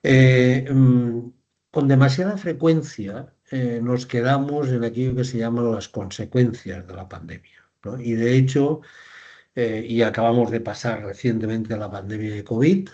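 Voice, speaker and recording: Older male academic guest, mellow tone, measured explainer, muffled lo-fi audio. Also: mid-range voice. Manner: measured, explanatory, with tag questions. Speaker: professor, guest. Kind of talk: academic interview. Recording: dull lo-fi sound.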